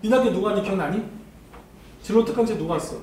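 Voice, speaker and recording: A very high-pitched man runs a university admissions seminar, teasing the students and laughing often as he talks to them directly. He sounds distant from the microphone in a strongly echoing hall with a faint hiss underneath. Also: racing, warm tone. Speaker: academy admissions lecturer. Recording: very echoey hall, mic far off, faint noise.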